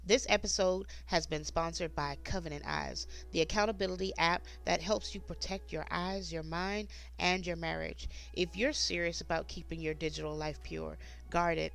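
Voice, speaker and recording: Ad read, woman, gravelly low voice, upbeat salesy delivery. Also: steady tone, normal speed, few pauses, a bit bright. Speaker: sponsor read host.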